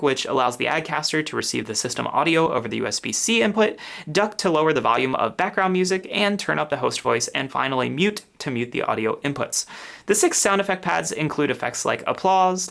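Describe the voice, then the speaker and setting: A man's voice: fairly high pitch, creaky, a bit bright. A man hosting a gear review, explaining features step by step in a methodical way, speaking close to a podcast microphone at his home office desk. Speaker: gear reviewer and channel host. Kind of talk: product review walkthrough. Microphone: podcast microphone a couple inches from mouth.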